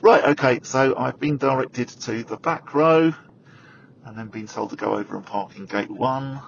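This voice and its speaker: Here a radio host gives casual on-the-go commentary, riding in a car and then walking outdoors at a stadium, followed by studio chat about it. He's chatty and full of fillers, poking fun at himself. He has a mid-range, creaky voice at moderate pace, captured in lo-fi sound with slight background noise.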